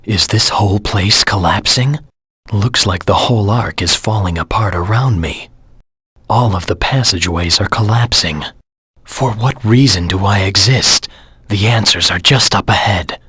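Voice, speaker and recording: Dark hedgehog antihero, heavily rasping, close dry sound, solemn and determined, terse video game lines. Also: male voice, on the low side, a little slow, dry recording, heavily acted. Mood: brooding, intense.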